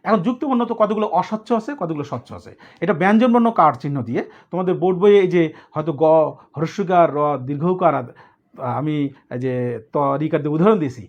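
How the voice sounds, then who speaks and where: Male teacher, high and animated, explaining step by step to students; dull lo-fi recording. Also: fast talker. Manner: explains step by step, checks in with students, mixes in English words. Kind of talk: grammar lesson for students.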